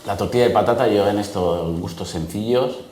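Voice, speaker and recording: A middle-aged man from Spain answers interview questions in an easygoing way, pausing with fillers. His voice sits low, and the room is echoey. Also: darkish tone. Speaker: guest, security executive. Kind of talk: casual conversational interview.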